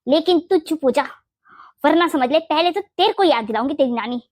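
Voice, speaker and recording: A woman voicing a fiercely protective, sharp-tongued older mother-in-law in a Hindi cartoon, blunt and bossy. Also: high voice, steady tone, normal speed, dry recording, studio quality, lightly acted. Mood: irritated. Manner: blunt, scolding, makes boastful vows.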